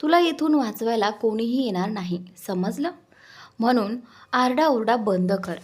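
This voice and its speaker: A woman doing a mocking male thug in a storybook tale, harsh, a bit breathy, pitched high. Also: lively intonation, measured pace, darkish tone. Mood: menacing. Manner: harsh, threatening.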